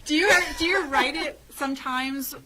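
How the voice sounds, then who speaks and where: A woman's voice: sits high, moderate pace, very noisy. A woman hosting a casual chat over a video call, bubbly and teasing. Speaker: host.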